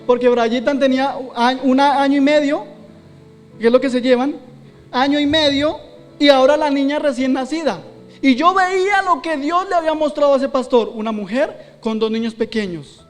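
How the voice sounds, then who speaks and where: Man preaching, very high voice, long church echo. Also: moderate pace, faint music behind. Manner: personal testimony, quotes himself and his wife aloud. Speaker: pastor. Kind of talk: sermon. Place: church hall.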